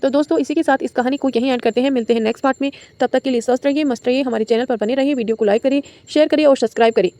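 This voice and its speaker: A woman reading a romantic audio novel aloud as the channel's storyteller, in a brisk, steady voice. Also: high voice, no echo.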